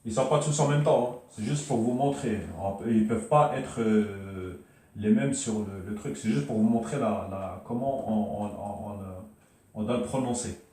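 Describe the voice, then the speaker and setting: A man teaching a beginner's language lesson at a board, patiently repeating syllables and pausing often with hesitations. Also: on the low side, warm tone. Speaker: Arabic teacher. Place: room with a board. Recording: echoey room, voice from a distance.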